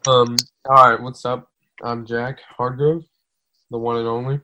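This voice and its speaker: Young man, casual podcast chat, sarcastic, blunt, mid-pitched. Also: level tone, a little slow, pushed and bright, dull audio. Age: young adult. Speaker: podcast co-host.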